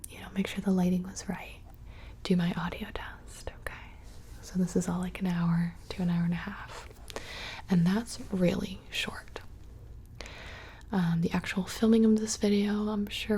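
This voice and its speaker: A woman's voice: mid-range voice, warm tone, husky. A young woman whispering casually and close to the microphone, rambling through questions in an ASMR video. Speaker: ASMR creator. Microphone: close studio microphone.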